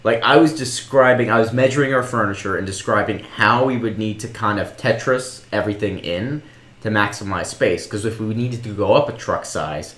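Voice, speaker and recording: Low-voiced man chatting in an echoey room. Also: moderate pace, fairly bright tone. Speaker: podcast co-host. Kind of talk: casual chat. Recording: roomy echo.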